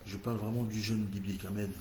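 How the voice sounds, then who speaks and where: A man's voice: lowish voice, little pitch movement, quick pace, noisy background. A man with an English-speaking accent hosting a church livestream, leading a fervent, repetitive prayer in French. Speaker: church host.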